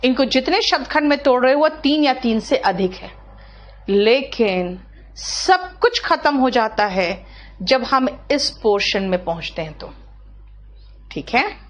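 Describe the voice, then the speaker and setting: In dull-sounding audio, a woman teacher with a sing-song voice on the high side takes her class through grammar. She stretches words out syllable by syllable as she explains slowly, checking with questions that students understand.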